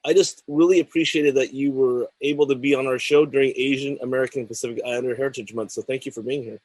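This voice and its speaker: A male show host with a middle-pitched voice, reading through tech news in a measured way before he turns to his guest. The sound is close and dry, with no room around it. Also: steady tone, darkish tone, dry recording, poor audio. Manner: measured, reads news items then chats. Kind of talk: scripted news segment and interview.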